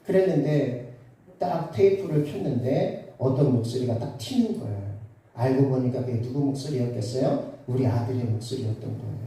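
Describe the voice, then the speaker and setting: Male pastor preaching, dark mellow voice, big echoey church sound, mic kinda far off. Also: fairly high pitch. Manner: acts out dialogue with his son in shifting voices. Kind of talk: sermon with personal story. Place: church sanctuary. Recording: echoey sanctuary, mic at a distance.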